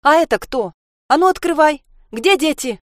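A woman voicing a stern, angry mother who scolds in a sharp way. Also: mid-range voice, fairly quick, dry recording, clean studio sound, natural voice. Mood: furious.

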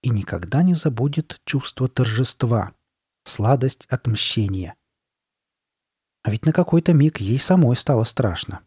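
A man narrating a horror story in a measured, dramatic reading style with slowed pauses. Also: mid-range voice, dark tone, slightly rough, no room sound, studio quality. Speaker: audiobook narrator.

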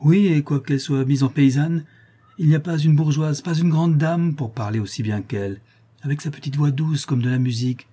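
A fervent young woman of the people, her voice lifted and exclamatory, pleading and grateful, as a man reading the story puts her on. The tone underneath is dark and husky, with a gentle climb in pitch on every appeal. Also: normal speed.

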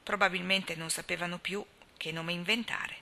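A gossipy older spinster, as a woman reads her part aloud, talks on in a chatty, emphatic way. Her voice sits a little low but has a sharp, bright edge. This is audiobook storytelling. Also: steady tone, normal speed, vocal fry. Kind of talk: audiobook character reading.

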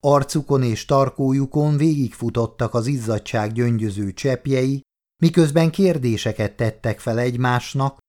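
A man narrating a novel in a measured, steady reading voice. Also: mid-range voice. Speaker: audiobook narrator. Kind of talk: scripted narration.

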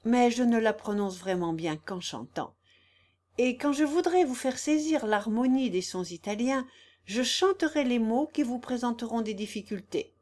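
A woman's voice: fairly high pitch, expressive, moderate pace, a little mellow, lightly acted. A woman reading the part of a young woman singer who speaks frankly and kindly. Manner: frank and kind.

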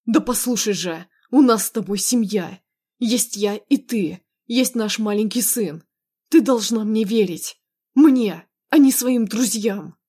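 A woman reading an audiobook, voicing a possessive, hot-tempered young man who speaks in a loud, insistent, emotional way. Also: mid-range voice, normal speed, natural voice. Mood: angry pleading.

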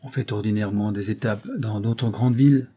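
Reasonable, peace-making husband, low and husky; a man reading. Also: normal speed. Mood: placating. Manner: calm, placating. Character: conciliatory middle-aged husband, mild and reasonable.

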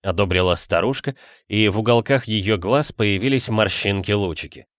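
Man, audiobook narrator, low voice, steady, dry close sound. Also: normal speed, dry recording.

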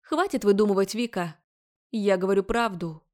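A woman's voice: mid-range voice, moderate pace, a little mellow, natural voice. A woman doing a scolding, suspicious mother. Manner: scolding, sarcastic, raised voice. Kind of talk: audiobook character voice.

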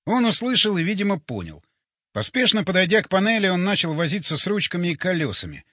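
A man narrating a first-person sci-fi audiobook with expressive, animated storytelling, recorded on a close studio mic. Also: sits high, fast, no echo.

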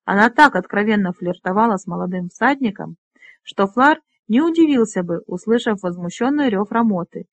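A woman narrating a fantasy book in a steady, expressive reading. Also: medium pitch, normal speed, no echo. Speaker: audiobook narrator.

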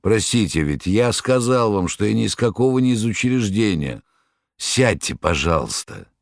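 A sly, rude stranger who mocks and cuts people short, voiced by a male reader. The voice is deep and low and sounds close and dry. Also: expressive, moderate pace, vocal fry, breathy edge, no room sound, heavily acted. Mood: brusque. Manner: mocking, brusque. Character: sly, rude mysterious red-haired man. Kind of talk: audiobook reading.

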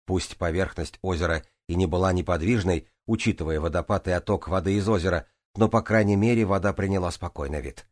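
A male audiobook narrator reading a first-person story with a steady, even delivery. His voice sits very low. It is recorded close on a studio mic with a dry sound. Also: a little fast, few pauses, no room sound.

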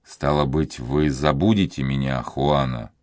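A man voicing a tender young nobleman in love, speaking in a hushed, trembling, earnest way. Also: sits low, takes it slowly, no room sound.

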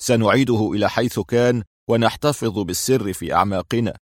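A man voicing gruff, harsh male prison guards who bark and shout in a dramatic audiobook. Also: lowish voice, brisk, no room sound, clean studio sound, close to an everyday voice.

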